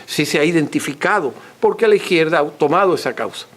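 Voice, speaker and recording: A man's voice: on the high side, animated, fairly quick, a bit bright. A man speaks off the cuff like a lecturer. He explains in a didactic, courteous way and restates his points for emphasis. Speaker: author and lecturer answering audience questions. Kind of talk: extempore scholarly talk.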